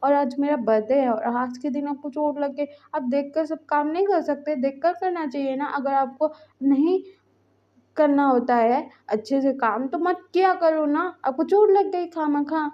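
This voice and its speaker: A woman's voice: high-pitched, a little slow, lo-fi sound, pitched above the performer's own voice. A woman voicing a small boy who fusses over his hurt mother in a pleading way. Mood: fussing. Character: fussing little boy on his birthday.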